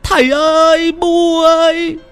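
A man's voice: little pitch movement, takes it slowly, a bit bright, faint music behind, exaggerated voice. A man playing a wailing old woman in pain. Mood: wailing, begging. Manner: high wailing pleas.

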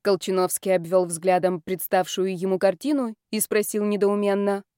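A woman narrating a first-person romance novel in a lively, expressive way. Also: mid-range voice, moderate pace, smooth, dry recording, clean studio sound. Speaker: audiobook narrator.

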